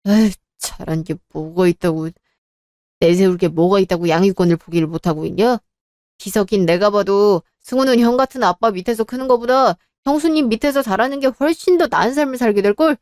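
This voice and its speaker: A woman's voice: mid-range voice, a little fast, darkish tone, no room sound, studio quality, close to an everyday voice. A woman voicing a younger married man who argues back with indignant retorts. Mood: accusing. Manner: argumentative, exasperated retorts. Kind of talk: dramatized story reading.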